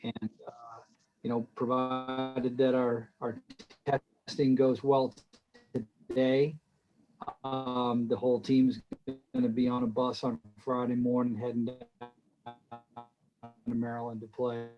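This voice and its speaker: Male golf coach on a shaky video call, halting delivery with restarts, dull lo-fi sound. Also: medium pitch, flat delivery, faint music behind. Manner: halting, with many stammered restarts. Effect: on a video call with a poor connection. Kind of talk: speaking in a virtual season preview. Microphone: computer on a video call.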